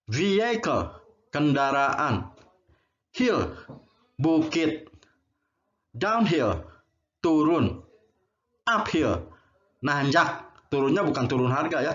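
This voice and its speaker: A man's voice: a little high, fairly bright tone, lo-fi sound. A man teaching an English vocabulary lesson. He reads word pairs, drills them and explains in a patient, chatty way. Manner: repeats words and explains, adds "ya" to phrases.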